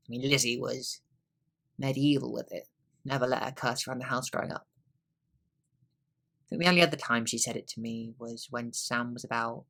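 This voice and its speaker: Brooding middle-aged husband played by a young man; bright tone, wry, drifts into quiet asides. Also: mid-range voice. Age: young adult. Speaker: student actor. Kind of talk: stage monologue.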